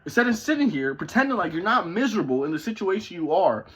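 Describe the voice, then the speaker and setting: A vlogger in his twenties rants at his parents' house, swearing nonstop in a confrontational, profane motivational tirade. His voice is high-pitched and fast, with big pitch swings and a breathy edge.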